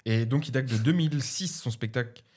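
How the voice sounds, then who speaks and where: A man with a medium-pitched voice hosts a podcast in a relaxed, casual tone. He is lively and jokey, and he keeps the exchange with his guest light. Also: breathy edge. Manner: lively, jokey, quick to laugh. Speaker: podcast host.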